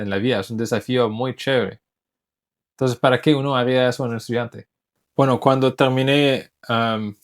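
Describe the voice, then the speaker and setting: Talking to camera in a relaxed way, an English teacher who grew up speaking English uses Spanish in a mid-range voice. He comes across as thoughtful, often backing up to restart words he's searching for.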